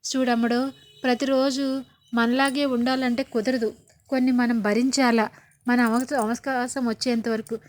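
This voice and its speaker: A woman voicing a scheming middle-aged mother who calmly lectures her daughter in a retold serial scene. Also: a little high, a little slow, close to an everyday voice. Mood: cautioning.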